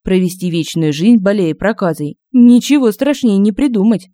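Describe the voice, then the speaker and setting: A woman's voice: mid-range voice, animated, moderate pace, mellow, no room sound, clean studio sound. Woman narrating a comic fantasy audiobook. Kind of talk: scripted narration of humorous fantasy. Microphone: close home-studio mic.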